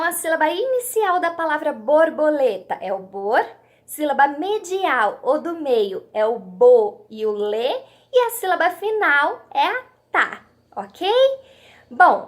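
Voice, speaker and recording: Professora animada, voz aguda e cantada. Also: female voice, high-pitched. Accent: Brazilian Portuguese. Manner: sing-song teacher voice, stretches syllables, asks children questions. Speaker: primary school teacher. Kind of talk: children's literacy lesson.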